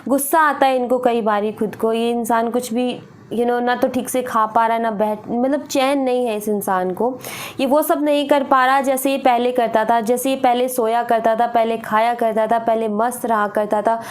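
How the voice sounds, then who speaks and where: A woman's voice: fairly high pitch, steady tone, moderate pace. A woman giving a tarot reading, earnest and repetitive, often slipping in "you know". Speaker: tarot reader.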